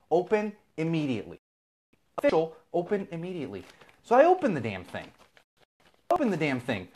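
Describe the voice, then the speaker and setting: This podcast host from Southern California, voice on the high side and slightly mellow, vents on a live feed with casual exasperation and plenty of swearing.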